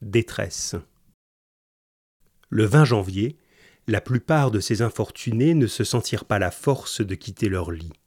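A man narrating a novel in a calm, measured storybook manner. His voice is low and husky, recorded close with a dry sound. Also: dry recording. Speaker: audiobook narrator.

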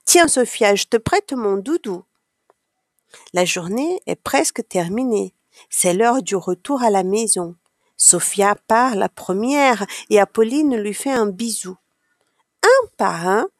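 A woman narrating a children's story aloud, slowly and expressively for small children. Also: a little high, lively intonation, dry recording, clean studio sound.

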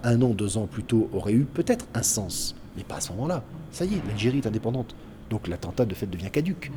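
A man's voice: on the low side, noisy background. A man giving an informal, explanatory account of history as a narrator.

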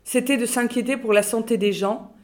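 A woman reading a children's novel aloud in a calm, expressive storytelling voice. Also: a little high, moderate pace. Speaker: reader.

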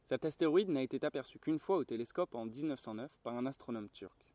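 A man giving a calm, measured storybook reading outdoors in a garden. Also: mid-range voice, no room sound. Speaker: reader. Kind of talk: audiobook narration.

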